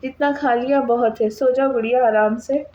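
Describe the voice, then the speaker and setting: A woman voicing a calm, gentle older brother who speaks soothingly in a read-aloud novel. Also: very high-pitched, moderate pace, muffled recording, a little hiss or hum.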